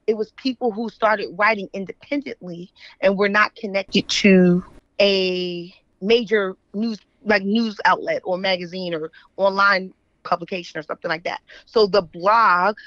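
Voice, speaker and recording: The author and journalist being interviewed is an American woman with a mid-range, fairly bright voice, chatting casually and giving her opinions while checking in with "right?" and "you know what I'm saying." The recording is dry and lo-fi.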